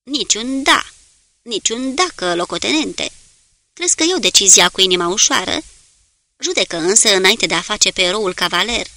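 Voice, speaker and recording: Reading for a calm and stern male submarine commander, a woman delivers clipped, firm orders in a mid-range voice. The recording carries no room sound.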